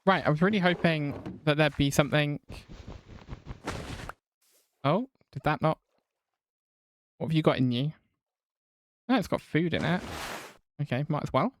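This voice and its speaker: A man's voice: a little high, a little slow, long pauses, a little hiss or hum. A man streaming a video game who chats with his viewers in a casual, wry and self-mocking way and laughs often. He has a non-rhotic English accent. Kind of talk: casual live-stream chat while gaming.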